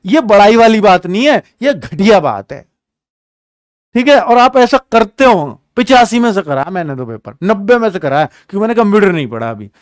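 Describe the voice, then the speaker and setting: A man's voice: sits high, sing-song, normal speed, no room sound, clean studio sound. A man who teaches exam coaching, giving frank advice to students in a blunt, chatty way. He scolds, repeats his points and nudges students along.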